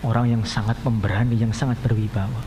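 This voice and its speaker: A man preaching a storytelling sermon, swinging between soft low passages and raised, impassioned cries. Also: steady tone, fast, long reverb tail, highs cut off, a little hiss or hum.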